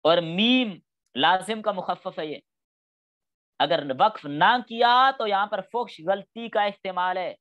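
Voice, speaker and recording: A man's voice: sits high, a little slow, fairly bright tone, dull audio. A middle-aged man teaching a class on Quran studies, explaining patiently step by step and acting out spoken examples. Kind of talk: classroom lecture.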